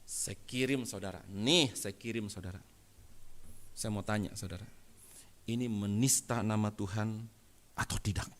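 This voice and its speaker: A man preaching a sermon as pastor, calling his listeners "saudara" and swinging from soft asides to loud emphatic peaks. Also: on the low side, normal speed, pauses often. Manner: acts out dialogue in retold anecdotes.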